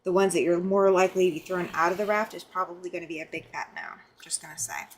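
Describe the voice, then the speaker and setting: A woman hosting a relaxed late-night livestream, chatting casually, greeting viewers by name and laughing often. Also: on the low side, quick pace. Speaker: livestream host.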